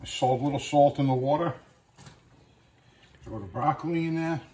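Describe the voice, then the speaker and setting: In a home kitchen, a middle-aged chef and show host gives informal step-by-step cooking instructions as he works. He has a fairly high, warm voice and a moderate pace. The recording picks up kitchen noise, including sizzling pans.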